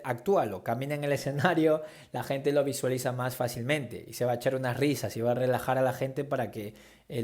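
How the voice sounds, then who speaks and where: A man's voice: mid-range voice, a little mellow. Spanish man teaching public speaking. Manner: conversational, demonstrates tones and gestures while explaining. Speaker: preaching workshop teacher. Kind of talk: instructional talk on public speaking.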